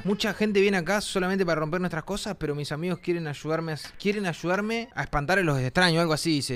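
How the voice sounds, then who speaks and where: A young Argentine man streaming a horror game alone in a dark apartment, nervous and rambling, swearing and yelping when scared. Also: fairly high pitch, slight background noise. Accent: Argentine Spanish. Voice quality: jumpy, screams and yelps when startled. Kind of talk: live gameplay commentary.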